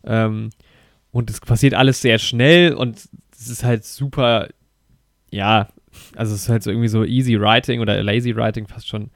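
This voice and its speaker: A man's voice: fairly low pitch, steady tone, moderate pace, gravelly, no echo, clean studio sound. A man chatting casually while reviewing a film on a podcast, rambling with many fillers and restarts and enthusiastic slang.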